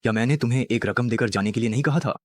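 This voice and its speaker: A man playing a scheming husband in a dubbed drama, talking in a smooth, reassuring way. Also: mid-range voice, rapid-fire, lightly acted. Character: scheming husband chasing his wife's fortune.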